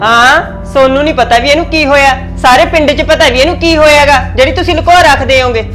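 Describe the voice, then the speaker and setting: Fast-talking Punjabi woman, high voice. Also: fairly bright tone, faint music behind. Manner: quick, argumentative and defensive. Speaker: daughter-in-law in a family skit. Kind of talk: Punjabi village family skit.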